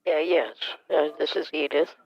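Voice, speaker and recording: Man doing a confused, hard-of-hearing granny; gravelly and halting, over a dull, muffled line. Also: fairly high pitch, fairly even intonation. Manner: hesitant, stammering, keeps asking to repeat. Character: frail elderly woman, hard of hearing, confused. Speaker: caller posing as a victim. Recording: muffled phone call.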